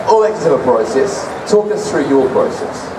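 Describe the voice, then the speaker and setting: A man moderates a convention panel, keeping the talk light and teasing the guest. His voice sits a little high and is heard from a distance in an echoing hall. Loud noise fills the room behind him. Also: very animated, measured pace. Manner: chatty, teasing. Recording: echoey hall from far off.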